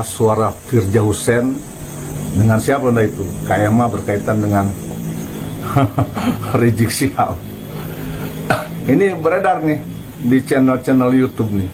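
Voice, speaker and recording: A male host delivers online commentary at a medium pitch, needling and mocking his subject, slipping in soft laughs. A faint hiss of noise sits under his voice. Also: low-quality recording. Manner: taunting, questioning, with soft laughs.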